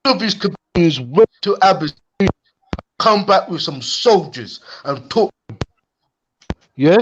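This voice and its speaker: A man's voice: sits high, animated, a little slow, a bit bright, a little hiss or hum. A man debating insistently over a call whose connection keeps cutting out and breaking up. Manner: insistent, talks over others. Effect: voice breaking up over a bad call connection. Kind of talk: heated religious debate on a call. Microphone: remote call audio. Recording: muffled, cutting-out call line.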